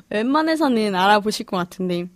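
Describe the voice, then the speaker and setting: A woman's voice: medium pitch, expressive, moderate pace, dry recording, studio quality. A woman hosting a podcast, reading listener stories aloud and chatting casually with frequent laughs and fillers.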